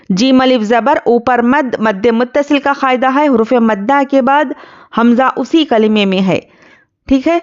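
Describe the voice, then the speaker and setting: In a dull, lo-fi recording, a woman with a fairly high, smooth, clear voice teaches tajweed step by step. She goes through the rules word by word, pausing to recite each phrase in a slow, drawn-out way.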